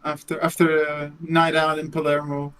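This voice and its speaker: A man's voice: a little high, monotone, normal speed, fairly bright tone, clean tone, rough recording. A man co-streaming a game, joking and sarcastic in casual chat. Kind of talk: casual game playthrough commentary.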